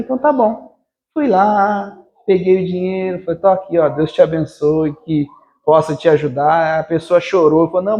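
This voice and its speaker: High-voiced man, informal church testimony. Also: darkish tone. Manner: casual, repeats "né?" often. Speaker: church worker giving a testimony. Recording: dull lo-fi recording.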